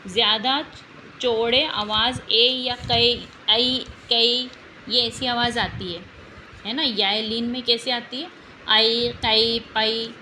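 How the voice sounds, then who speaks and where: Slow, bright-voiced woman teacher. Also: fairly high pitch, fairly even intonation, slight background noise, low-quality recording. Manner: patient, repeats example words, checks in with "hai na". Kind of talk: exam-prep language lesson.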